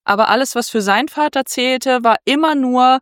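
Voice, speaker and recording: A woman's voice: sits high, moderate pace, smooth, dry recording, studio quality. A woman in casual conversation, steadily explaining what happens in a story. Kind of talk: casual chat retelling a novel.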